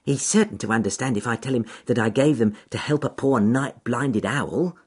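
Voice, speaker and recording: A man voicing Ernest Fluffy Rabbit, a trusting, kindly young rabbit in a storybook, with an eager, gentle manner. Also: mid-range voice, normal speed, husky, pitched above the performer's own voice. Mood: friendly.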